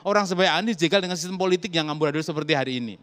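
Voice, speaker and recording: Brief: male political pundit, rapid argumentative delivery. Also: a little high, a little hiss or hum. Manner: emphatic, lively argumentative. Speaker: political commentator guest. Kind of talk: talk show political debate.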